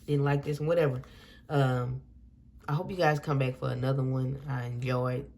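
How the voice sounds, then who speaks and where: A woman's voice: extremely low pitch, fairly even intonation, moderate pace, creaky, a little mellow. A woman giving a casual tarot reading to her viewers, rambling a little and repeating and correcting herself as she goes. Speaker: tarot reader.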